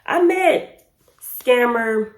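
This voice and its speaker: Talking very slowly, a twenty-something American woman tells a casual storytime to camera on YouTube, her slightly high voice lively in intonation. She's informal, slangy, chatty and emphatic, though pollen has left her congested and a bit hoarse.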